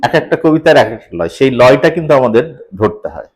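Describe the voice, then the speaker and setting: A middle-aged man teaching a lecture on poetic meter, talking in a measured way with fillers and self-corrections, and reading verse slowly with drawn-out syllables. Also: mid-range voice, very animated, slightly rough.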